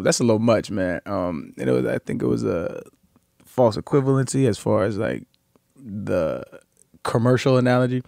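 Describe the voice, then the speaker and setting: A man in his thirties hosting a casual talk, speaking in a laid-back, reflective way that trails off into low mumbles. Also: vocal fry, darkish tone, no room sound, clean studio sound. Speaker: podcast host. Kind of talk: casual conversation.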